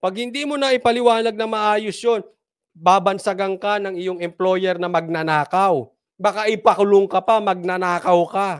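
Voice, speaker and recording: A man from the Philippines delivers casual political commentary in a teasing, sarcastic tone and laughs often. His voice sits high for a man. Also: steady tone, moderate pace, clear, resonant tone.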